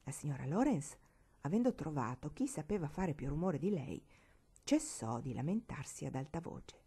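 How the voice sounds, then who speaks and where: A woman narrates a novel in an expressive audiobook reading. Her voice sits a little low, and she shifts freely into the characters' voices. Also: moderate pace, breathy edge. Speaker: audiobook reader.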